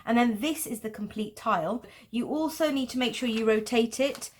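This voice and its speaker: An art teacher with a Pakistani English accent patiently walks through geometric drawing in a tutorial, laughing lightly now and then. Her voice sits a little high, and she speaks at a normal speed.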